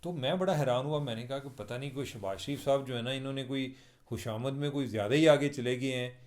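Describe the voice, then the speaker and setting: A man's voice: medium pitch, fast talker. Wry Pakistani man talking to viewers. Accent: Pakistani Urdu with Punjabi touches. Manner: chatty, wry, addresses viewers directly. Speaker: journalist hosting his own channel. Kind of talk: casual spoken commentary vlog.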